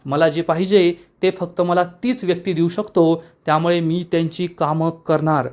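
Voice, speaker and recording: A man's voice: a little high, fairly even intonation, normal speed, a little mellow, lightly acted. A man voicing a sulky, defiant young woman who schemes in a retold TV serial.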